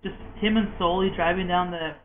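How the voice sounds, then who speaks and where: A man co-hosting a podcast, chatting excitedly about games and acting out lines. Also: sits high, fairly quick, a little hiss or hum. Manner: excited, acts out game lines. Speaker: podcast co-host. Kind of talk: casual gaming chat. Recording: echoey room, phone-like audio.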